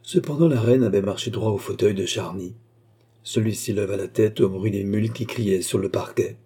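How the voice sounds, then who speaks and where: A man reading a classic novel aloud as an audiobook narrator, in a measured, unhurried way. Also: lowish voice, warm tone, husky.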